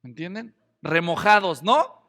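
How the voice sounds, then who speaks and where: A man preaching a sermon in a church hall, lively and jokey, with many rhetorical questions to the congregation. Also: high-pitched, measured pace. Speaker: pastor. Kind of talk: expository sermon.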